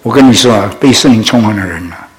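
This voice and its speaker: An older man, a pastor from Indonesia, preaching a sermon through lively anecdotes that swing between loud and soft. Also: fairly low pitch, fast, a little hiss or hum, rough recording. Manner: storytelling with laughs and acted quotes, swings loud and soft.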